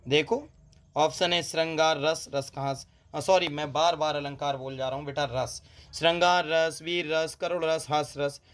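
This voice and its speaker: A man teaching exam preparation, calling students "beta", ruling out options one by one and reciting verse slowly with repeated key words. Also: a little high, fairly bright tone. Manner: addresses students as "beta", drills by elimination. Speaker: Hindi grammar teacher. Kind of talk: exam-prep lesson.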